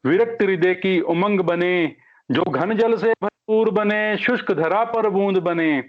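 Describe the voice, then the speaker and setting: A man reads his poem at a poetry gathering held over the phone. The call audio sounds dull and lo-fi, and his voice sits a little high. He delivers each couplet slowly and in a measured way, saying every line twice. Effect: heard over a phone or online call line. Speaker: poet reciting at an online poetry gathering. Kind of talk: slow sung-spoken Hindi poetry recitation.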